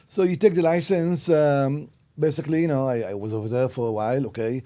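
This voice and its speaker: This man in his fifties, originally from Israel, is a commercial real estate broker guesting on a podcast. His mid-range voice is warm, brisk and fairly even as he bluntly tells his real estate story, often checking in with "okay?". It's a casual interview recorded on a podcast studio mic.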